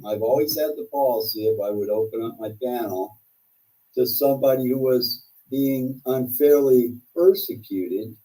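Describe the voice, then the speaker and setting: A man's voice: mid-range voice, moderate pace, warm tone. A man hosting a casual, rambling live stream with a combative, profane way of talking. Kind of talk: casual rambling livestream monologue. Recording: distant microphone.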